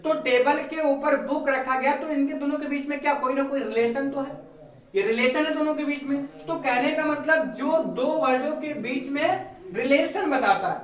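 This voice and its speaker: A male teacher giving a grammar lesson, asking questions and answering them himself, repeating key terms slowly. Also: very high-pitched. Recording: echoey room, mic far off.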